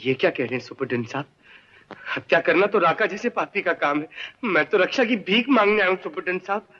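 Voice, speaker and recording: A high, pleading village informant. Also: male voice, animated, quick pace, sharp tone, heavily acted. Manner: pleading, emotional, swears oaths. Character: desperate young village informant, pleading and pious. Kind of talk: old film melodrama. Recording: dull old film soundtrack.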